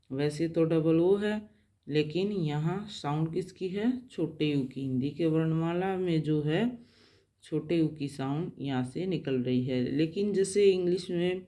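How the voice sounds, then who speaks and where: A woman teacher giving a lesson on English vowel pronunciation, spelling out letters and sounding out each word deliberately. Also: sits low, warm tone.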